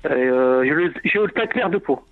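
A man's voice: a little high, animated, no room sound. Hesitant forties man on a phone line. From France, of Algerian descent. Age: 40s. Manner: hesitant, halting, many fillers. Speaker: caller. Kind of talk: phone-in conversation. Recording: tinny phone line with faint music.

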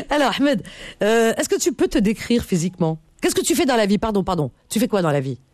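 A woman with a high voice hosts a call-in radio show. She chats casually, teasing her caller and filling her talk with little hesitations. The sound is dry and close to the microphone. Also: very animated, brisk, darkish tone, dry recording. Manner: teasing, chatty, many fillers. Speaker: radio host.

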